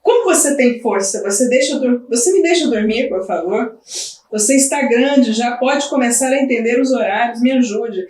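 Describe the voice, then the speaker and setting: A woman's voice: a little high, normal speed, a little mellow, lightly acted. Woman reading as an exhausted, tearful new mother. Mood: tender, pleading. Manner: weary, pleading, breaking into tearful cries. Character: exhausted new mother talking to her baby. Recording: roomy, from the mic at a distance.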